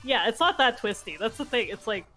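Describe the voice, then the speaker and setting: Rambling woman with an animated voice. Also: fairly high pitch, a little fast, music in the background. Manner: rambling, restarts a lot, swears casually. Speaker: streamer. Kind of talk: casual chat while gaming.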